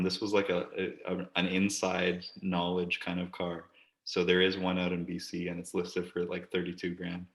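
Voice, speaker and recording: Deep, flat-voiced man in an echoey room. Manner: rambling, joking, swears casually. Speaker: podcast co-host. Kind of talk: casual chat. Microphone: desk camera.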